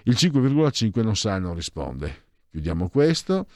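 Man, rattling off poll percentages, dry sound, low voice, wry asides. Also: sing-song, a little mellow, dry recording. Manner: reads numbers in a brisk run with wry side remarks. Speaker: commentator reading out opinion polls. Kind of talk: casual reading of poll figures with asides.

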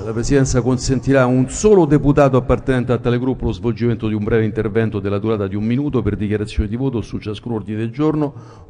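A man's voice: mid-range voice, warm tone, a little hiss or hum. A man chairing a parliament session, giving formal, businesslike procedural announcements. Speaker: presiding chair. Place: parliament chamber.

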